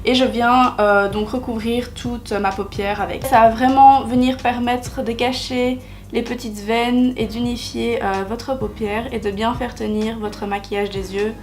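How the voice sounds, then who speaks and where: A woman's voice: on the high side, fairly even intonation, a little slow, faint music behind. A young woman talking through a makeup tutorial in a chatty way, with many hesitations and self-deprecating asides. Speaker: beauty vlogger.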